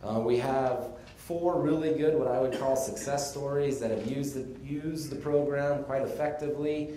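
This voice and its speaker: A man from Texas gives a casual conference presentation, explaining things in a relaxed way with the odd chuckle. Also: medium pitch, normal speed, a little hiss or hum. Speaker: conference speaker on sheep breeding. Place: conference room. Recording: echoey conference room, faint ambience.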